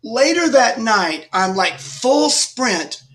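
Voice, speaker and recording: A high-pitched middle-aged man from Texas, guest on a casual interview. He tells stories with energy, acting out the lines of other people. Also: takes it slowly. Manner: animated anecdotes with lively acted-out quotes. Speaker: guest musician.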